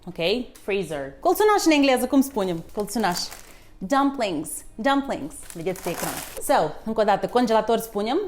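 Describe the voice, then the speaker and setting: A woman's voice: medium pitch, few pauses, a little hiss or hum. A woman teaching English words in a playful, casual way in her home kitchen. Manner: lively, playful, switches between two languages. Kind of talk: casual bilingual lesson.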